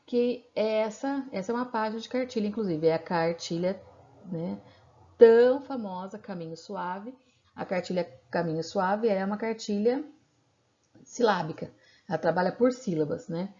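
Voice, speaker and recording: A mellow, mid-range female voice belongs to a teacher with a Brazilian accent, patiently walking through a lesson in a recorded video lecture. She keeps checking in with short tag questions, and the lo-fi sound is slightly dull.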